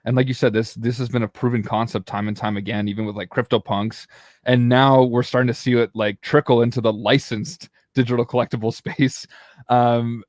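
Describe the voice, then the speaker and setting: An excitable young man hosts a casual chat, piling up fillers as he asks his questions. His voice sits in a middle range. The recording is dry and close, with no room sound. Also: medium pitch, a little fast, no room sound. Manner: enthusiastic, filler-heavy. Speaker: podcast host.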